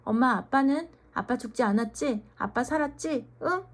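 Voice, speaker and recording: A woman voicing an eager little schoolgirl who adores her dad, reading a children's storybook in an excitable, pleading way. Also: high voice, moderate pace, voice pushed up. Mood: anxious.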